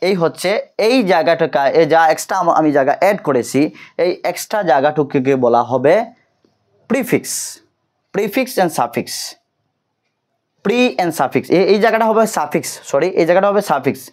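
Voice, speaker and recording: A man's voice: on the high side, lively intonation, normal speed, long pauses, a little mellow. A man with a Bengali accent teaching English grammar to students, working through each point in order. He spells words out letter by letter, says key terms twice, and sometimes stops to correct himself. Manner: self-correcting, occasional slips and restarts. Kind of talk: explaining a lesson to students.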